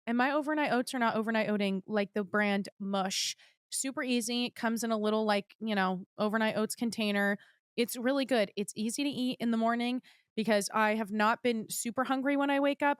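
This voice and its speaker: A woman's voice: mid-range voice, clean tone, dry recording, studio quality. A young woman hosting her own podcast, chatting casually and gushing to her listeners about what she loves lately. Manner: bubbly, gushing, talks to listeners directly. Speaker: podcast host. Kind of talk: casual solo chat.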